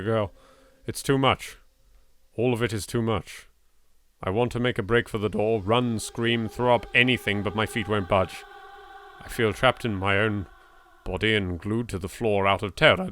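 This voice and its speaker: Doing let's play commentary, a man with an English accent from England gives game text a dramatic reading, then cuts in with nervy, sarcastic remarks full of swearing. His voice sits on the low side and sounds pushed and bright.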